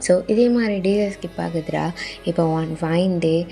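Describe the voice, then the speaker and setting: A woman's voice: fairly low pitch, unhurried, vocal fry, dark tone, soft background music. A woman with a Tamil accent narrates fan fiction in a chatty way and speaks directly to her listeners. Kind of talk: casual story narration. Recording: recorded at night at home.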